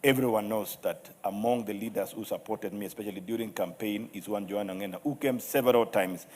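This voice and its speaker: A Kenyan man speaks in a fairly low voice, delivering a parliamentary eulogy. Long reverb from a big chamber surrounds his words. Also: a little fast, a little mellow, slight background noise. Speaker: member of parliament. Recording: reverberant hall.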